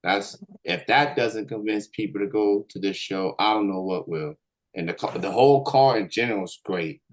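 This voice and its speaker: A man's voice: lowish voice, normal speed, rough recording. A man hosting an interview show, chatting in a laid-back way and often repeating himself. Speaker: show host. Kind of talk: casual interview chat.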